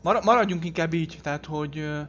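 Soft music plays behind a man whose voice is a little high and fairly bright. Streaming his game as a casual let's play, he thinks aloud, chats with viewers and swears when things go wrong.

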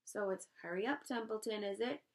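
A lazy storybook rat who drawls and mocks with gravelly sarcasm, as a woman reader puts him on. His lines drip with grumbling self-pity, and the voice has a rough, fried texture. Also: mid-range voice, brisk, natural voice. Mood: sarcastic.

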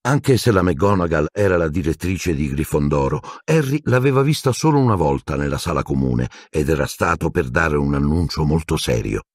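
A deep-voiced man reads the story aloud with a husky grain and a lively, swooping melody. The recording is dry and close, with no room sound. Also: moderate pace, few pauses, dry recording. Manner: expressive storytelling, lively intonation. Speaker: audiobook narrator. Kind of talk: audiobook narration.

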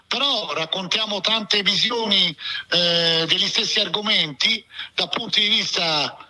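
Guy on speakerphone, high bright voice, loose and jokey. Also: measured pace. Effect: voice over a phone on speakerphone. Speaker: caller on the phone. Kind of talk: joking phone call on live TV.

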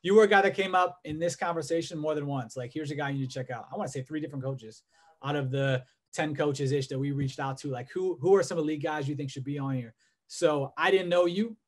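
A man's voice: a little high, fast. A man in his thirties hosting a coaching network launch on a video call from home, talking casually with many fillers and restarts. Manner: rambling, filler-heavy, gestures a lot. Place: home room indoors. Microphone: video call webcam.

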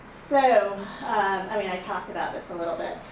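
A woman's voice: medium pitch, moderate pace. A woman in her forties from Kenya, giving a conversational conference presentation with many ums and restarts. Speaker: venture investor giving a talk. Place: meeting room in front of a projector screen. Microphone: room mic from a distant camera. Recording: echoey room, far from the mic, audible room noise.

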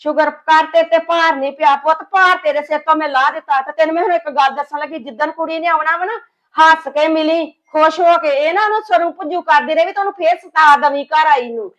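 A woman's voice: high voice, brisk, fairly bright tone, lo-fi sound. An actress playing an older mother-in-law who scolds and lectures her family in a village drama. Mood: lecturing. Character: aging mother, sharp-tongued and scolding.

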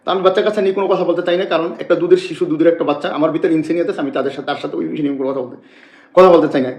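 A man rants on a live stream, circling back and repeating himself. His voice sits high and his words tumble out quickly. The room adds a noticeable echo. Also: fairly even intonation, darkish tone. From Bangladesh. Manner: agitated, repetitive, rambling. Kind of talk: emotional live-stream complaint.

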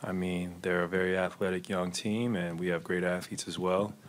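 A man in his thirties, a basketball player answering questions at a postgame press conference into a desk microphone, measured and low-key with frequent fillers. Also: little pitch movement, slight background noise. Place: arena press room.

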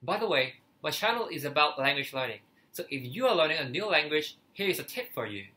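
Speaking briskly and very animatedly in a fairly high, sharp voice, this young adult language-learning vlogger from Hong Kong gives an earnest opinion piece to camera. He's a native Cantonese speaker with a Cantonese accent, filmed in a small living room, and the recording quality is low.

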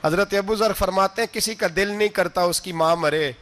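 A man preaching an emotional sermon, swinging between loud exclamations and hushed tender passages, and chanting verses slowly. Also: high voice. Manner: chants poetry slowly in a drawn-out singing way.

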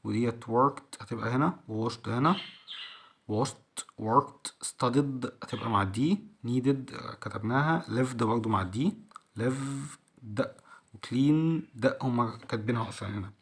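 A man with an Egyptian Arabic accent, teaching a school English lesson and drilling each word by repeating it slowly. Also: mid-range voice, gravelly.

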